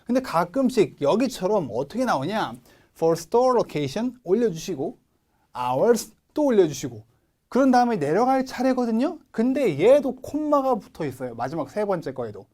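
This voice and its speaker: A man with a Korean accent teaching English test prep in a recorded lecture, emphatic, drilling words slowly and asking and answering his own questions. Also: high voice, big pitch swings, a little mellow. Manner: asks questions and answers them himself.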